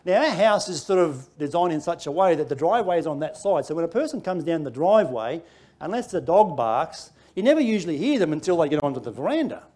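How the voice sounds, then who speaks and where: Animated Australian man telling a story. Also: fairly high pitch, fast. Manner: animated storytelling, laughing through lines. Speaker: preacher. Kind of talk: sermon testimony.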